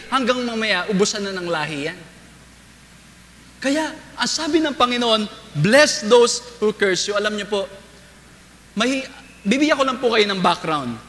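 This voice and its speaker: A man's voice: high voice, pushed and bright, in a large hall, a little hiss or hum. A male pastor preaching a sermon to his congregation, telling stories and often calling out to the listeners with questions. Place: large church sanctuary.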